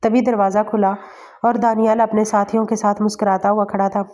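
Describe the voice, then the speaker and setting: Woman narrator for dramatic story readings, mellow, very little pitch movement. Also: flat delivery.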